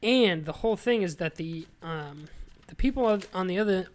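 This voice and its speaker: A man's voice: high voice, animated, normal speed. A young man co-hosting a casual podcast chat, rambling and earnest, often restarting his thoughts. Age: young adult. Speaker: podcast co-host.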